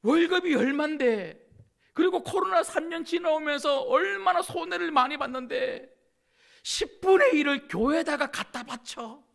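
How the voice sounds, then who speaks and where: A man voicing a scornful, skeptical man who mocks a churchgoer with rapid-fire incredulous questions. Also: extremely high pitch, animated, gravelly, a bit bright, voice pushed up, full character voice.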